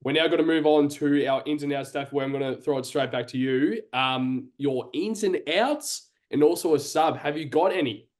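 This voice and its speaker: A man's voice: fairly high pitch, moderate pace, few pauses. Aussie guy hosting a footy chat, bit stammery, keeps wandering off on side notes. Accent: Australian. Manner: chatty, stammering, trails off into asides. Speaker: podcast host. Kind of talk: casual chat.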